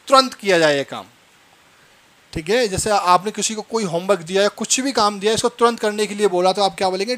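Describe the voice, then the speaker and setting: A man teaching spoken phrases, repeating each phrase and checking that it is clear. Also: sits high, a bit bright. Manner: explains each phrase slowly, repeating it, often asking "clear?". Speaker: English teacher. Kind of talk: spoken English lesson.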